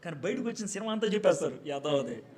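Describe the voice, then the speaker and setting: A pastor preaching to his congregation in a loose, conversational way. He jokes and acts out little scenes as he goes. His voice sits rather high for a man. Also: very animated, rapid-fire, darkish tone, a little hiss or hum. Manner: conversational and joking, acts out dialogue. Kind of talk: sermon. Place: church hall.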